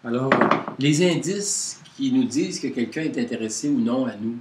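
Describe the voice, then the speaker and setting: A man with a Quebec French accent leads an informal workshop, talking to a small group in a halting way full of hesitations and restarts. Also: mid-range voice, expressive. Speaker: workshop leader. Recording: roomy, distant mic with faint noise.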